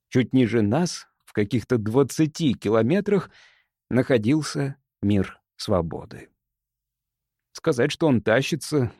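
Expressive male audiobook narrator. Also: medium pitch, dry recording. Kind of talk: scripted first-person audiobook narration.

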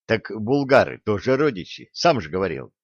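A man's voice: on the low side, very animated, normal speed, slightly rough, dry recording, muffled recording, heavily acted. A man doing a skeptical pressing wanderer. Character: puzzled, skeptical young male wanderer, quick-witted. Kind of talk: audiobook character reading.

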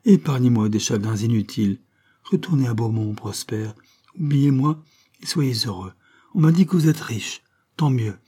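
Guy doing a tormented young woman, voice pushed up higher, dark and husky underneath. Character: young woman, anguished, self-denying.

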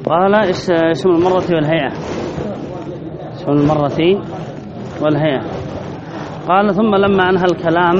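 Male grammar teacher, higher voice, reads and explains, repeats himself; dull recording, audience noise behind. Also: fairly even intonation, brisk, pauses often, a crowd in the background. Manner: reads a line then explains, repeats phrases and asks questions. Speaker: sheikh teaching Arabic grammar. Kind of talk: classroom lesson explaining a text.

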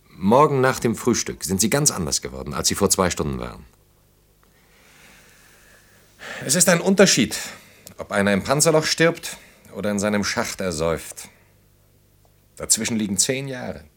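A disillusioned man of about thirty speaks in a German radio play with a deep, low voice and a dry, ironic delivery, gently teasing and musing sceptically. The style is conversational and naturalistic, yet very animated, a little fast and exaggerated, with a reflective, disillusioned mood.

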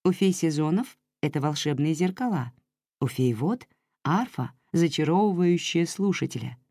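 A woman reading a storybook aloud and voicing a calm older fairy teacher who explains patiently. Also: low voice, normal speed, no room sound. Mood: explaining.

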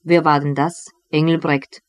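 A cruel medieval nobleman mocks and commands his prisoners, as a reader puts him on. The delivery is slow and deliberate. The sound is dry and close. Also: medium pitch, level tone, dry recording, natural voice. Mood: mocking. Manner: scornful, commanding. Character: ruthless mocking medieval male lord.

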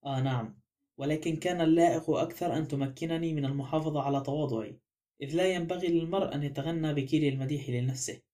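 A proud, pompous master detective who insists on his own greatness, as a man reads him aloud. The voice sits a little high for a man yet sounds mellow and dark. It comes from a spoken audiobook. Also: fast talker, lightly acted. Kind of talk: audiobook character reading.

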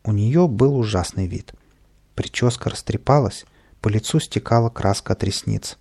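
A man narrating a children's audiobook in a lively storytelling manner. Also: on the low side, normal speed, gravelly, husky. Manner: lively storytelling, plays all the voices.

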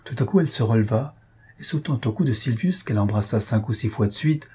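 Husky man narrating a classic tale. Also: mid-range voice, animated, quick pace, darkish tone. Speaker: audiobook narrator. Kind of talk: literary audiobook narration.

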